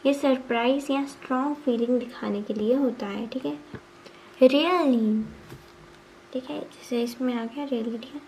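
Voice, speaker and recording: High-voiced woman teaching exam notes. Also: steady tone, normal speed, few pauses, warm tone, slight background noise, low-quality recording. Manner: explains point by point, asking and answering her own questions; mixes English terms into Hindi, often says 'ठीक है'. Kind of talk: exam revision lesson.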